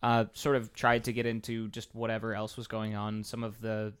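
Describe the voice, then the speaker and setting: A man's voice: lowish voice, monotone, normal speed, smooth. A man co-hosting a gaming podcast, easygoing and explaining things for listeners. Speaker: podcast co-host. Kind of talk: casual chat.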